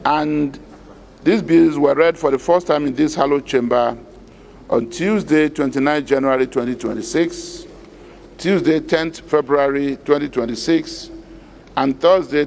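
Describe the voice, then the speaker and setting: A man's voice: mid-range voice, creaky, a little mellow, slight background noise. A man with a Nigerian accent delivering a formal parliamentary speech as a senator leading a debate. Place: legislative chamber.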